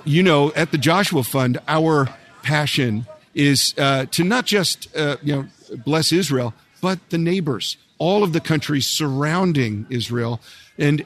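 A man hosting a podcast interview, enthusiastic and affirming, often replying with "wow" and "yeah". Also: on the high side. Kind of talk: interview conversation.

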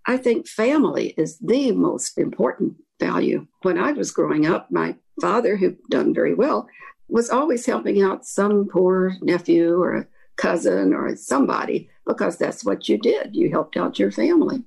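A woman's voice: medium pitch, expressive, moderate pace, gravelly, darkish tone, slightly rough. An older woman with a slight Kentucky accent, telling anecdotes in a reflective, rambling way as an interview guest. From Kentucky, Appalachia. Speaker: interview guest, author and academic.

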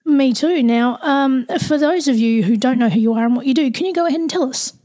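A woman with a croaky, slightly hoarse voice, speaking as the host of an interview podcast. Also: high voice, fairly quick, mellow. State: croaky voice today.

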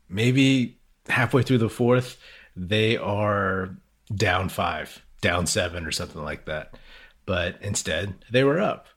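Deep raspy-ish guy chatting casually about sports on his podcast, loose fan talk. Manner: conversational fan talk with loose, informal phrasing. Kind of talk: casual solo basketball commentary.

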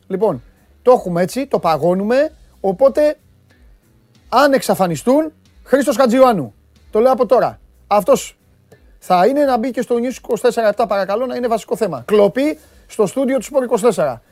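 A man hosting a sports TV show, giving lively, joking commentary on amateur football clips and bantering with his studio crew. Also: very high voice, pauses often, no room sound, soft background music. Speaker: sports TV host.

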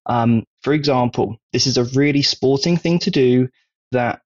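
A man's voice: medium pitch, moderate pace, muffled recording. A man from Wiltshire, England, with a Wiltshire accent, co-hosting a casual podcast and explaining his views while often checking in with "okay?". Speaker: podcast co-host.

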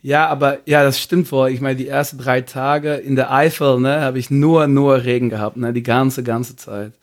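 A man's voice: mid-range voice, steady tone, moderate pace. A man from Belgium, a podcast guest speaking hesitantly and searching for words in a casual interview.

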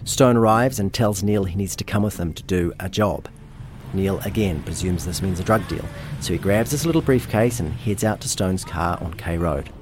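A man, hosting and narrating a true-crime story in a measured, matter-of-fact way. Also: low-pitched, over music. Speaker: podcast host.

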